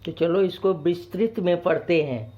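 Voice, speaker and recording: A man teaching a grammar lesson to children, slowly and patiently, explaining each point twice. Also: high voice, muffled recording.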